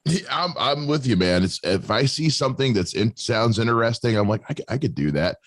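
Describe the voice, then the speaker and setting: A man's voice: mid-range voice, lively intonation, brisk, fairly bright tone, no echo. A man hosting a podcast, joking and rambling, often stumbling and restarting his sentences. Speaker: podcast host. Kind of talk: casual podcast chat.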